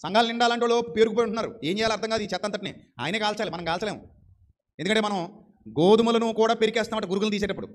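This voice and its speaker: A man's voice: high-pitched, racing. A man preaching a sermon with fervent repetition and rhetorical questions.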